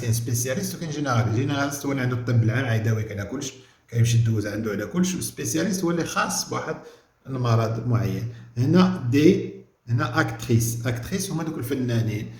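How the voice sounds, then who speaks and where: A man with a Moroccan accent teaching a French lesson in Moroccan Arabic. He slows down on French words and keeps checking that the class understands. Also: mid-range voice, roomy sound. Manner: slows down to spell out French words, asks "clear?" often.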